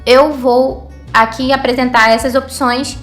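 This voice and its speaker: A woman with a Brazilian Portuguese accent teaches an online language lesson. She explains patiently, checks in with "tá?" and "né?", and repeats words slowly. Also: high-pitched, little pitch movement, fairly bright tone, soft background music. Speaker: Hebrew teacher.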